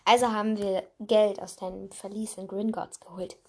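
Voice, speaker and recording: A woman voicing a brisk, matter-of-fact wizarding mother. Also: mid-range voice, little pitch movement, warm tone, natural voice.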